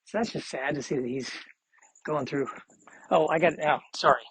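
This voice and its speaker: A man's voice: a little high, normal speed, a bit bright, slight background noise, poor audio. A man in his forties hosting a solo podcast, chatting casually in a rambling, self-deprecating way. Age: 40s. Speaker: podcast host.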